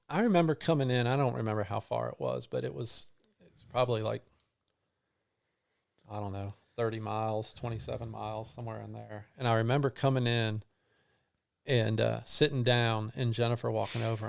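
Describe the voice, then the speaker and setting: A middle-aged man, a guest on an interview show, telling a long personal story in a halting way, with many restarts and fillers. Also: medium pitch, gravelly. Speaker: guest runner.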